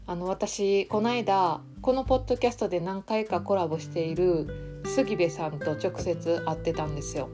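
Brief: Kansai-accented woman podcaster, lowish voice, easygoing chat over faint guitar music. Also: moderate pace. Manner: relaxed, chatty, soft fillers. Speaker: podcast host and coach. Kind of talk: casual solo podcast talk.

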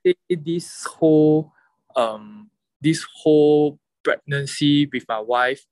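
A man's voice: a little high, slow, a little mellow, no room sound, rough recording. Singaporean man chatting in Singlish, dry close sound. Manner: Singlish, code-switching between English and Mandarin with local particles. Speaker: podcast guest. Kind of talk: casual chat.

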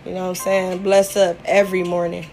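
A woman hosting a casual morning show, talking in a laid-back, soft-spoken and slangy way. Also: on the low side, flat delivery, a little fast, very noisy. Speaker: host. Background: music playing.

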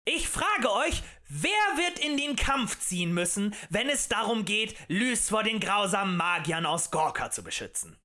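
A man voicing a fiery male demagogue who rants and shouts at a tavern crowd in an audiobook. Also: sits high, sing-song, a little slow, few pauses, pitched above the performer's own voice, heavily acted. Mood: ranting. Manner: ranting, shouting, rhetorical and accusing.

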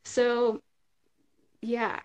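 Woman, fairly high voice, rambling casual talk, filler words, video call guest. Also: completely flat delivery, drawn-out words, darkish tone. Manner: rambling, many fillers, laughs often. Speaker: interview guest. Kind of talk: casual spiritual chat.

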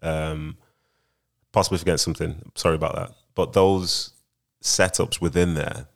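A man's voice: deep voice, flat delivery, normal speed, gravelly. A young man, a retired footballer now in broadcasting, answering interview questions in a laid-back, rambling way.

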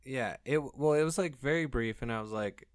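A man's voice: mid-range voice, a little fast, clean tone, no room sound, clean studio sound. A young man co-hosting a podcast, chatting casually in a laid-back way with plenty of ums and likes. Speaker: podcast co-host. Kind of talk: casual movie review chat.

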